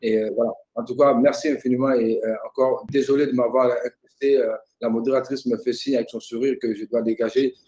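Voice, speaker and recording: Mellow man, halting and repetitive. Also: mid-range voice, level tone. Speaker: university representative. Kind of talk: impromptu thanks on a webinar. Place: online video call.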